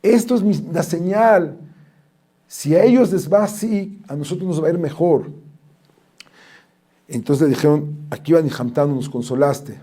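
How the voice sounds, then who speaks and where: Rabbi guy teaching, kinda high voice but mellow, gets really lively telling the story. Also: moderate pace, long pauses, husky. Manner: animated storyteller, mixes in Hebrew and Aramaic quotes. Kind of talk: Talmud lesson storytelling.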